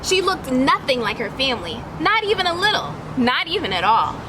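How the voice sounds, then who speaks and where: High, animated woman reading to children. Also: fairly quick, background noise. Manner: instructional, addressing young listeners with questions. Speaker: teacher reading a picture book aloud. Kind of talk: children's read-aloud, expressive storytelling.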